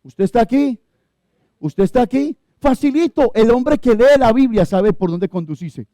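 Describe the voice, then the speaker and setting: A man with a Colombian accent preaching a sermon as pastor of a church, emphatic, with loud high bursts and low quiet stretches. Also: animated, normal speed, no room sound. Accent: Colombian Spanish.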